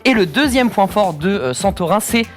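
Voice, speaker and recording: A chatty woman hosting a beauty segment on a morning stream. She walks through each product step by step in relaxed, casual talk, with faint music behind her. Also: medium pitch, normal speed.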